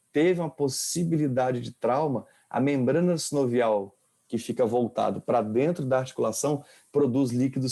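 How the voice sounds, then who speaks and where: A male professor with a gravelly, fry-tinged voice talks through an anatomy topic in a loose, informal way. He keeps tossing questions at his students as he goes. His pitch sits at an ordinary middle level. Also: darkish tone. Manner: casual, quizzes students with questions. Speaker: kinesiology professor. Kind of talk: informal lecture.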